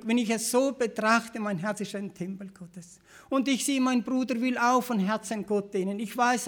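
A man with a Swabian accent preaching a sermon, earnest and repetitive, often restarting phrases and clearing his throat. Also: extremely high pitch.

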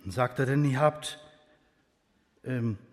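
German preacher in a reverberant hall. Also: male voice, takes it slowly. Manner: swings between loud emphatic bursts and quiet low asides. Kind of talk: sermon with Bible reading.

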